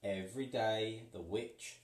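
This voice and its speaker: A man reading a picture book aloud to a child, playful and pausing so the child can finish sentences. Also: on the low side. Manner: playful, pauses for the child to fill in words. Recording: roomy, from a distance.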